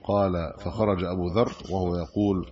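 This middle-aged Egyptian sheikh's warm voice sits low, with little pitch movement and a slightly fast pace. He reads hadith texts aloud and then unpacks them in colloquial, Egyptian-accented asides, heard through a dull lo-fi lecture recording.

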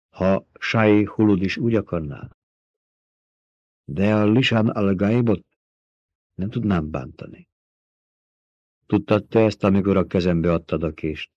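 A man reading the part of a tough, proud desert chieftain who speaks gruffly and mutters. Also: low voice, a little mellow, dry recording. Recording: dull, dry recording.

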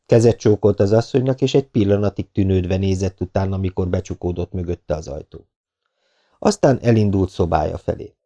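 A man narrating an audiobook in a steady, measured reading. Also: sits low, highs cut off.

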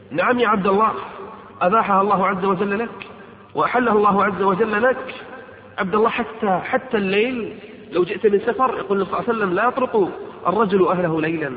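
Impassioned preacher, high and fast. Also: male voice. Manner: impassioned, pleading appeals to the listener. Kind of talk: sermon. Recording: echoey hall, tinny narrow sound.

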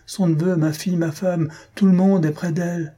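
A man reading aloud and voicing a flustered, excitable middle-aged bourgeois man with high agitated exclamations. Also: normal speed.

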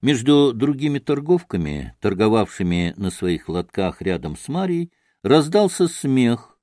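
A man narrates a classic novel in an unhurried, measured reading. His pitch moves freely and expressively, and the close studio sound is dry, with no room around it. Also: very animated, dark tone, dry recording. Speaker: audiobook narrator.

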